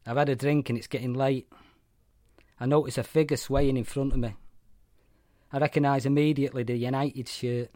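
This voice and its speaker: A man's voice: medium pitch, a little mellow, no room sound, clean studio sound. A man with a Mancunian accent reading his own first-person short story aloud, blunt, sweary and wry.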